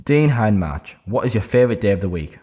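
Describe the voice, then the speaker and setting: Low-voiced man, teasing banter. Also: animated, fairly quick, warm tone. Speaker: podcast co-host. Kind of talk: casual chat.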